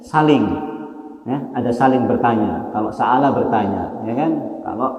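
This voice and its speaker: A male Islamic teacher gives a Quran lesson, patiently explaining, asking his listeners rhetorical questions and chanting verses slowly. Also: medium pitch, a little mellow. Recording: echoey hall, dull lo-fi sound.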